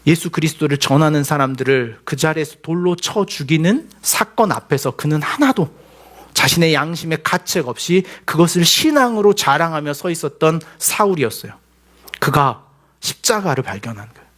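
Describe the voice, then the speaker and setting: A man's voice: a little high, lively intonation, normal speed, fairly bright tone. A male pastor giving a sermon in a conversational, humorous way, acting out little quoted voices as he goes.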